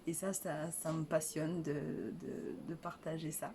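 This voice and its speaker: A woman's voice: sits low, flat delivery, unhurried, a crowd in the background. An older woman from Rwanda, an author answering interview questions in a hesitant way, full of fillers and restarts. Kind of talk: casual interview.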